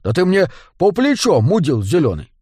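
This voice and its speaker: A man voicing a gruff, short-tempered male dwarf in an audiobook, blustering and crude. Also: a little high, huge pitch swings, normal speed, dark tone, no echo, studio quality, voice pushed up, full character voice.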